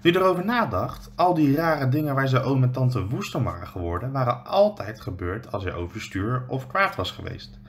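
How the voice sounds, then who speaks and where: A male teacher reading a children's book aloud in a steady storytelling way with small slips. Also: mid-range voice, moderate pace, hardly any pauses, a little hiss or hum.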